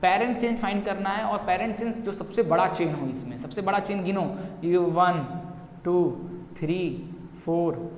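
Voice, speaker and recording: High-voiced male teacher in echoey room. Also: unhurried. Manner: repetitive, coaxing, addresses students directly. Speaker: science teacher. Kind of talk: whiteboard chemistry lesson. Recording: echoey room with long reverb, faint noise.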